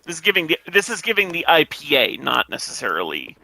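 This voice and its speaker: Gravelly, bright man chiming in. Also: on the high side, huge pitch swings, fast talker, no room sound. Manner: short interjections, fact-checking. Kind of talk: casual live-stream discussion.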